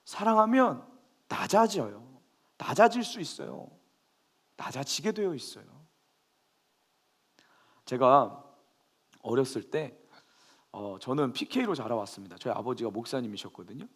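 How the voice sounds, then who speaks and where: A man pastor preaching a sermon, telling a story with lively bursts of raised emphasis. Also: medium pitch, a little slow, long pauses, husky.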